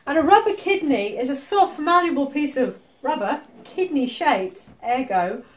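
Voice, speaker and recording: A woman's voice: sits high, expressive, moderate pace. Chatty woman teaching a class. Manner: chatty, jokey, explains step by step. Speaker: mosaic workshop teacher. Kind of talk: hands-on demonstration to a class. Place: indoor workshop with students.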